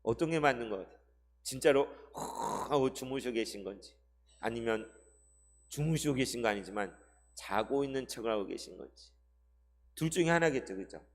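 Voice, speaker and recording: A male pastor giving a Sunday sermon, asking the congregation questions and swinging between loud and hushed delivery. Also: mid-range voice, animated, a little fast, pauses often, faint music behind. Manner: addresses the congregation with rhetorical questions; dramatic shifts between loud and soft delivery. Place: church sanctuary. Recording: long hall reverb.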